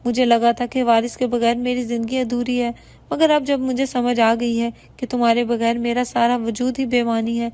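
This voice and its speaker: A woman's voice: a little high, flat delivery, darkish tone, close to an everyday voice. A woman voicing a remorseful young husband who pleads with his wife, in a storybook reading. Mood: pleading. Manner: pleading, emotional.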